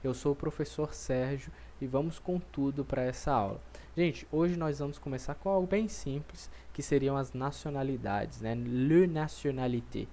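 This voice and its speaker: A man teaching an online French lesson, lively and drilling words slowly for his students to repeat. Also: mid-range voice, slight background noise.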